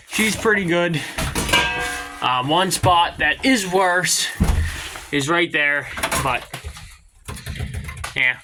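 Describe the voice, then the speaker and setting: A man with a slightly high voice vlogs casually from his home garage, talking through his work in a rambling, hesitant way full of ums. He sounds out of breath at times, and there's background noise.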